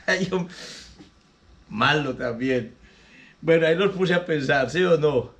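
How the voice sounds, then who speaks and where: A man's voice: on the high side, extremely slow, gravelly, pauses often, fairly bright tone. A man hosting a local show, sending greetings and telling corny jokes he laughs at himself. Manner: chuckles at his own bad jokes. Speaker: host.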